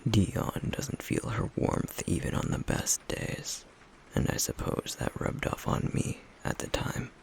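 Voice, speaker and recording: A man near-whispers in a breathy, gravelly voice close to his everyday one, playing a guarded, stoic, wounded flame demon for an intimate ASMR roleplay. He sounds guarded and soft, slow and brooding with a wry tease, over slight background noise.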